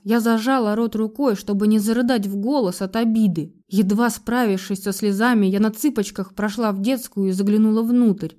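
A woman reading a first-person audiobook story aloud. Her voice is warm and mellow, and her storytelling is steady but emotionally engaged. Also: mid-range voice. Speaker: narrator.

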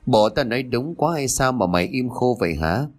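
A man voicing a spiteful, jealous schoolgirl in a read-aloud story, speaking in a sharp, taunting way. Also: mid-range voice, expressive, fairly quick, soft background music, natural voice.

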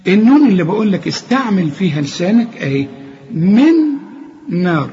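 A man with an Egyptian accent teaching Quran recitation, explaining each rule step by step and then chanting the words slowly. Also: high-pitched, very animated, a little mellow, a little hiss or hum. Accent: Egyptian Arabic. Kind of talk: tajweed lesson with chanted examples. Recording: dull lo-fi recording with long reverb.

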